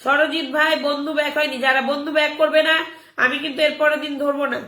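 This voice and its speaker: A woman hosting a casual live stream, hoarse from a cold, brisk and coaxing as she keeps urging viewers on. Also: high voice, little pitch movement, sharp tone. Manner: brisk, coaxing, keeps repeating calls to act. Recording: roomy echo.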